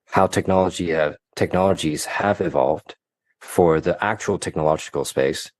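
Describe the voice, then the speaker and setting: A man from Hong Kong, a guest coach, answering interview questions in a measured, explanatory way with occasional restarts. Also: deep voice, a little mellow, dry recording. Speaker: guest, mind-performance coach.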